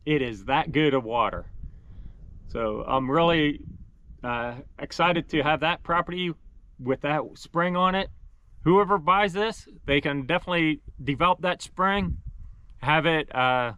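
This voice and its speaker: A man talking casually to viewers as a vlog host, explaining things in an unhurried way. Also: a little high, fairly bright tone, dry recording. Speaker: vlog host showing own cabin property.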